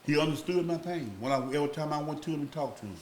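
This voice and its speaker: A man, a podcast guest telling a long, rambling story in a slow, casual way. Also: on the high side, a little mellow, slight background noise. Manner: slow, rambling, acts out voices in his stories.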